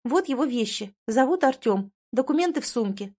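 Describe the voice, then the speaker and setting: A woman voicing a capricious, clingy young woman in an audiobook, with a pouty, whiny, shrill manner. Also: animated, normal speed, a little mellow, breathy edge. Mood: whiny, haughty. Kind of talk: audiobook character voice.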